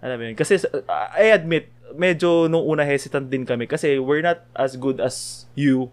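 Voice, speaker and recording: A man's voice: fairly high pitch, normal speed. A young man from the Philippines, co-hosting a podcast, chatting casually and telling stories in a mix of Filipino and English. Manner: animated storyteller, mixes Filipino and English. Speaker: podcast co-host. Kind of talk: casual chat, birthday tribute.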